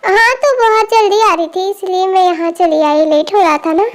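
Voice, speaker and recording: A chatty, nosy young woman friend who pushes and pries, as a woman puts her on. The voice is very high, a fan audio drama dub. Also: moderate pace. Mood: pushy. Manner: pushy, chatty.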